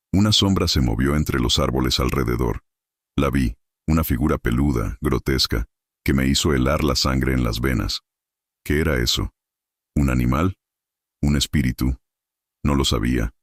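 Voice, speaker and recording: A man narrating a horror story in a dramatic, measured storytelling manner. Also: very deep voice, husky, dry recording, studio quality.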